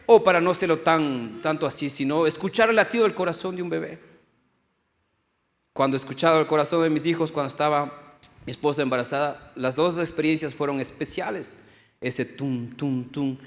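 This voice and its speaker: Animated preaching man in reverberant hall. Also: fairly high pitch. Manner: animated, asks the congregation questions, acts out quotes. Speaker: pastor. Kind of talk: sermon. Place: church hall.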